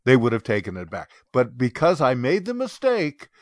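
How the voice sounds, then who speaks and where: A man's voice: mid-range voice, huge pitch swings, moderate pace, no room sound, clean studio sound. A man co-hosting a podcast, casually telling a story and acting out the voices of both sides. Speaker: podcast co-host. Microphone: podcast mic.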